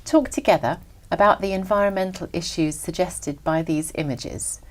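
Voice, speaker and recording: A woman serves as an examiner and reads out scripted test instructions. Her voice sits a little low, and her delivery is formal and measured.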